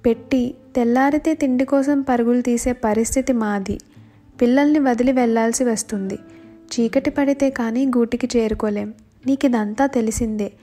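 A woman's voice: fairly high pitch, fairly even intonation, normal speed, warm tone, lightly acted. A woman voicing a flock of hardworking mother birds giving earnest instructions in a storybook tale. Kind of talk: storybook voice acting. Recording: faint music underneath.

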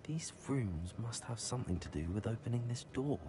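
A man voices a young wizard hero in a video game. He sounds calm and curious, and his pitch moves a lot. A music score plays beneath the line. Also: normal speed, natural voice. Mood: measured. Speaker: game protagonist. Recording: game audio with music underneath.

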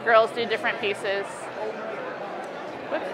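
At an indoor convention expo booth, a young American woman with a slightly high voice talks slowly and flatly, explaining things informally like an artist chatting with an interviewer. Busy hall crowd chatter surrounds her voice.

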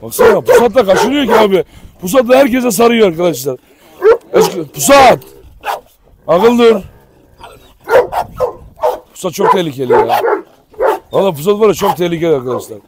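Amid heavy background noise and barking, a man with a high voice and lively intonation films on his dog farm, speaking at normal speed and pausing often. He chats casually and affectionately with viewers and shouts commands to the dogs he's handling.

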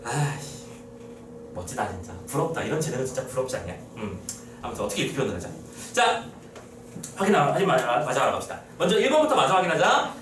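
A man's voice: mid-range voice, big pitch swings, racing, noisy background. A young man lecturing on a poem for exam prep, talking casually and teasing his students. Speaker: Korean literature lecturer. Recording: echoey room, mic at a distance.

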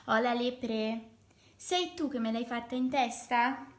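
Squeaky cross little mole, a woman doing it, high bright voice, bossy questions, slow, echoey room. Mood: indignant.

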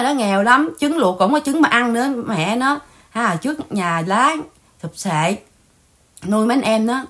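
A woman's voice: medium pitch, fairly bright tone. A woman hosting an online channel, chatting casually and mocking others in scolding gossip. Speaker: channel host. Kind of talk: casual livestream chat.

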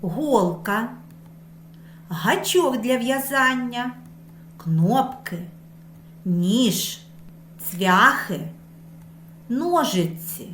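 Female preschool teacher, slow, sing-song and lively, echoey room with light music behind. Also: a little high, slight background noise. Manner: sing-song, stretching words to show stress. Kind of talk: slow lesson for small children.

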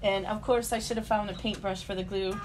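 A woman's voice: medium pitch, steady tone, fairly quick, loud music behind the voice. A woman giving a chatty live-stream embroidery demonstration, greeting viewers and talking through each step as she works.

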